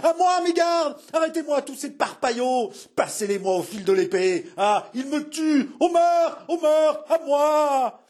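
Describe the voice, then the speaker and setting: A man voicing a young, anguished king whose fearful talk climbs into frantic, raving shouts. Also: normal speed, husky. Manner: rises to frantic high shouting.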